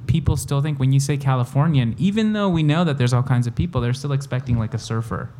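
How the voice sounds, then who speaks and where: A young man from El Salvador in casual conversation, talking reflectively with many pauses and fillers. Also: medium pitch, mellow. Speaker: conversation partner. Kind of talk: casual chat.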